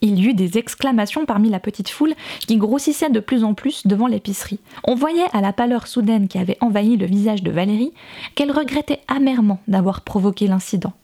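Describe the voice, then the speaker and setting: A woman reading a novel aloud in calm, measured scripted narration. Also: mid-range voice. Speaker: audiobook reader.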